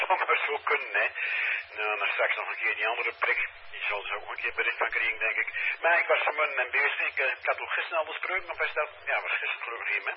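A man with a cold, chatting casually and haltingly as a folksy amateur radio participant. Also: fairly low pitch. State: has a cold. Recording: slightly noisy, dull radio transmission.

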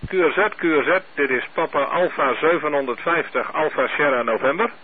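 A man running an amateur radio net, heard over a two-way radio link, speaking in a steady, methodical way and spelling out call signs. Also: fairly high pitch, brisk. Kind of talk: radio net check-ins. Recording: narrow tinny radio with faint hiss.

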